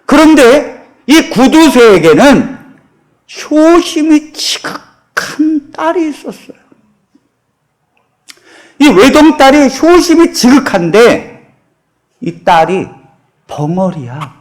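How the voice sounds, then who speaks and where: A middle-aged man preaching a sermon, telling a folk tale with lively asides to the congregation. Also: very high voice. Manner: animated storytelling with asides. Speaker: pastor. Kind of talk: sermon storytelling.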